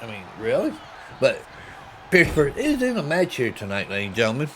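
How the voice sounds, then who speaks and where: Excitable man calling a wrestling match. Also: medium pitch, fairly quick. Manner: excitable, keeps repeating "ladies and gentlemen". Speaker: wrestling commentator. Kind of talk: play-by-play commentary. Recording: crowd noise and hiss behind.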